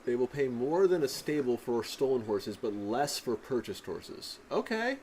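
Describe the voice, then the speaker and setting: A man's voice: mid-range voice, big pitch swings, measured pace, a little mellow, a little hiss or hum. A man giving casual gameplay commentary as host. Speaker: gamer host.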